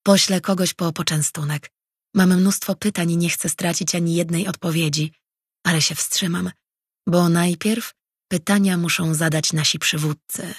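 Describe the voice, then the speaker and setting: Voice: medium pitch, fairly even intonation, normal speed, breathy edge, no echo, studio quality. A narrator voicing a courteous older woman who welcomes guests, read as an audiobook character with little change from the narration. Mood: polite welcome. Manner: courteous, hospitable.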